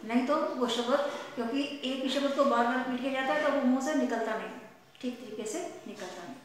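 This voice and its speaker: A woman teacher explaining a practical lesson, repeating points patiently and reading English tongue twisters slowly and deliberately. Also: sits high, slight background noise. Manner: repetitive and explanatory, mixing Hindi with English phrases. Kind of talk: recorded classroom lesson. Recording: very echoey hall.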